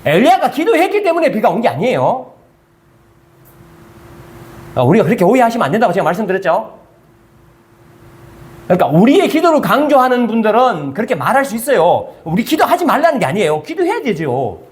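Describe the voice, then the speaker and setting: A man preaching a sermon, who asks the congregation questions, answers them himself and reads scripture in a measured way. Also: sits high, sing-song. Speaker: pastor. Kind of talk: sermon, Bible review.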